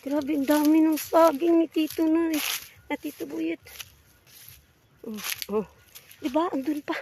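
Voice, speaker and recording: A woman's voice: high-pitched, unhurried, darkish tone, slight background noise. A woman vlogging as she walks around a farm, out of breath and exclaiming often in amazement. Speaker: vlogger filming a farm walk. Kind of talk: casual walking commentary. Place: outdoors on farmland.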